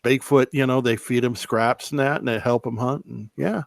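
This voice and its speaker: Man, medium pitch, casual podcast chat, halting, repetitive, argumentative, dry close sound. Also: steady tone, gravelly, dry recording.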